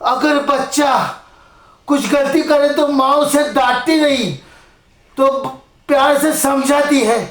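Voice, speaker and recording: A man's voice: extremely high pitch, steady tone, takes it slowly, fairly bright tone, echoey room, heavily acted. A man playing a heartbroken young son who has been poisoned by his mother, pleading with her in a solo stage monologue. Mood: anguished.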